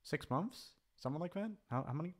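He talks fast and animated, his pitch on the high side. The speaker, a voice actor who runs an audio channel, is saying goodbye in a casual, unscripted vlog, wandering and hesitating as he thinks out loud and jokes at his own expense.

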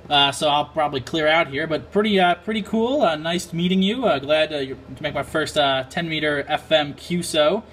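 This is a casual amateur radio vlog shot on a handheld camera in a small apartment, where an American man speaks a little fast with few pauses, though somewhat hesitantly. His voice is fairly high and a bit bright. Background noise is clearly audible.

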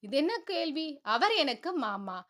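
A woman's voice: high voice, very animated, measured pace, a bit bright, heavily acted. A woman voicing a spoiled, hot-tempered young woman who demands answers in an indignant tone in a storybook reading.

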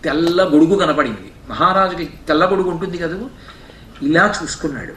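A man giving a spiritual discourse, asking rhetorical questions with emphasis and slowly chanting classical verses. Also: fairly high pitch, fairly bright tone, slight background noise. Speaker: religious discourse speaker. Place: hall. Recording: echoey hall, mic from a distance.

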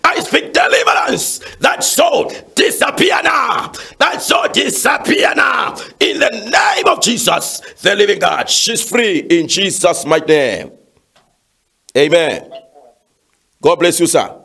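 A man's voice: high-pitched, big pitch swings, slow pace, vocal fry, sharp tone, slightly rough, raised voice. A man preaching fervently and praying with callers on a phone-in, with frequent "uh" fillers. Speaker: pastor. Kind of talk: shouted sermon and prayer phone-in.

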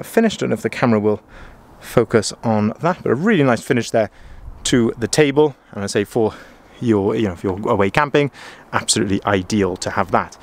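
A man's voice: mid-range voice, slight background noise. A man from Wales, a van sales manager, giving a chatty walkaround of a camper van inside the vehicle and out on the dealer's lot, often saying "as I say", with the phone camera in his own hand. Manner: chatty, keeps repeating "as I say".

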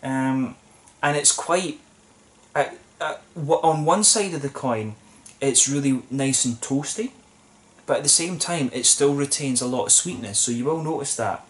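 A young man sits at a table in a small, plain room and chats to camera about a beer. His medium-pitched voice is a little slow, and his thoughtful review wanders, with frequent ums and restarts.

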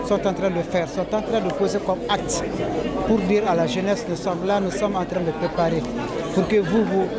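A middle-aged woman giving an earnest, slightly hesitant interview answer in a busy hall. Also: fairly low pitch. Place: busy indoor exhibition hall. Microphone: handheld interview mic. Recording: loud crowd chatter.

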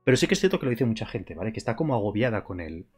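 A man's voice: on the low side, sing-song, rapid-fire, slightly rough. A man with a Spain Spanish accent hosts a live painting tutorial, chatting casually and joking at his own expense while he paints. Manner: playful, joking and self-mocking.

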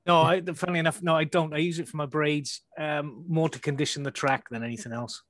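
A man's voice: a little high, fairly even intonation, fairly quick, a bit bright. A man chatting bluntly and jokingly on a video call. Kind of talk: casual video call chat.

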